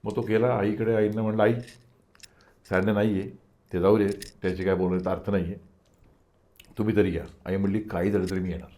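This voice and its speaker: A man's voice: on the low side, little pitch movement, fairly quick, pauses often, warm tone. An older man, an interview guest, telling a personal story and acting out the dialogue of the people in it.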